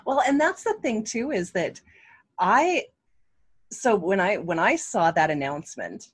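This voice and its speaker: Husky-voiced woman, chatty. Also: medium pitch, lively intonation. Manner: chatty with many fillers, quick to agree and laugh. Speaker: podcast co-host. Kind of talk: casual political discussion.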